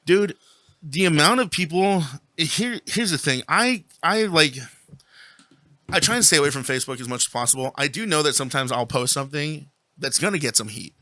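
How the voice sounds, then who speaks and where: A man chatting casually in a blunt, animated way, ranting and swearing freely. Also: on the high side, brisk, dry recording. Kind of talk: casual chat.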